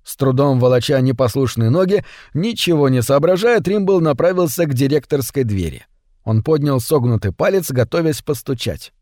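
A man narrating a story in an expressive, scripted way. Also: medium pitch, normal speed, dry recording, studio quality.

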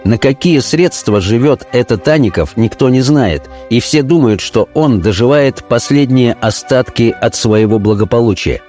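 A man reading a period detective story aloud as scripted narration, in an even, measured manner. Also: medium pitch, soft background music.

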